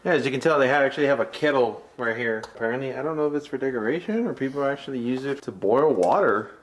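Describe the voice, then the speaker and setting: A man vlogging with a loose, joking manner, talking straight to his viewers as burgers sizzle on a grill nearby. His pitch sits in the middle for a man, and his tone is easygoing and chatty. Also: quick pace. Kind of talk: casual vlog chat. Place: cabin deck and indoors by a fire, in the cold.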